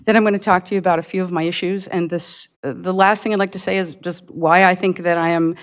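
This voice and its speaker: An older woman from Indiana giving a campaign statement at a public forum, earnest and halting, with fillers and restarts. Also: lowish voice, fairly even intonation. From Indiana, USA. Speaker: county board candidate.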